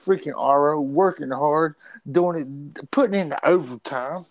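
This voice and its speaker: A podcast co-host with a stutter talks animatedly and profanely on a casual show, tripping over and repeating his words. His voice is on the high side and his pace measured, in a dry recording.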